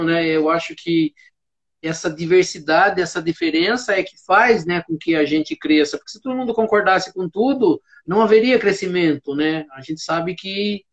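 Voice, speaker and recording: A study group participant with a middle-pitched voice talks casually and thoughtfully. They often pose questions aloud and add short tag questions to their phrases. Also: lo-fi sound. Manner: reflective, asks itself questions aloud, frequent "né?".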